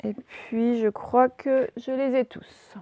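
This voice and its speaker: Woman primary teacher filming a phonics lesson, slightly high voice, dry and close, slow deliberate spelling of letters. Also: steady tone, mellow, no room sound. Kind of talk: recorded phonics lesson for young pupils. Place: room with a whiteboard, filmed on her own camera.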